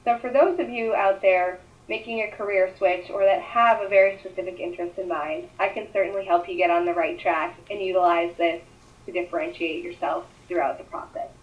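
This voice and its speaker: A woman student introducing herself as a career mentor in a smooth, scripted delivery. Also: on the low side, steady tone, brisk, muffled recording. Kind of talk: read self-introduction.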